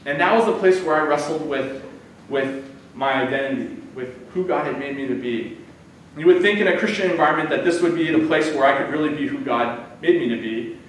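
This guest preacher, an American man in his thirties, talks briskly in a slightly high voice, moving his hands as he gives a conversational sermon. The audio comes from a far-off camera inside a church sanctuary, giving an echoey hall sound and a little background hiss or hum.

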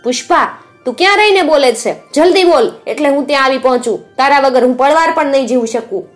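An impatient young prince speaks with urgency, played by a woman storyteller. His lines rise above the narration, louder and higher. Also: brisk, faint music behind, lightly acted. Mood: urgent. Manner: urgent, calling out loudly. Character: eager young male prince, impatient with longing.

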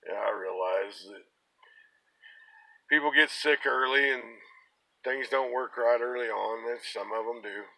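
A man's voice: medium pitch, a little slow, creaky, long pauses, bright, forceful tone, low-quality recording. An American man in his fifties rambling casually in a folksy, plain-spoken way. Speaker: pipe-smoking vlogger. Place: inside a parked car. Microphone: phone at arm's length.

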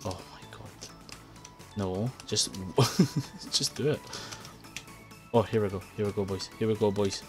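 A young man narrating his own gameplay, quick to frustration and laughter, at a desk mic near his keyboard. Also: lowish voice, soft background music. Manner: excitable, frustrated outbursts and laughing. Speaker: gaming YouTuber. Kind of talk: let's play commentary. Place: home room at a computer.

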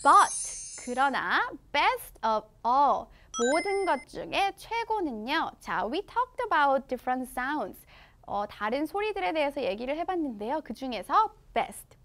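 A woman with a Korean accent teaching children English through a picture book, reading the English slowly and explaining each part in her own language. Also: high voice, a bit bright. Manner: slow, exaggerated English read-aloud with quick explanations in her own language. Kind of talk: bilingual storybook lesson for children.

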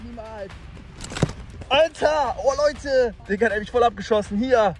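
A young man vlogging from a boat on cold water, loud and exclaiming to his viewers, freezing and shivering. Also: extremely high pitch, moderate pace, soft background music. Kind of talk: excited outdoor challenge vlog.

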